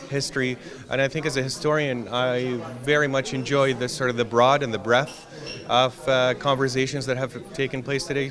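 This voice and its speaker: Male academic guest, mid pitch, hesitant and restarting, over busy crowd noise. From Iraq, raised in Canada. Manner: thoughtful, with frequent restarts and fillers. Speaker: interviewed historian. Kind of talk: conference interview. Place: conference venue. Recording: crowd chatter behind.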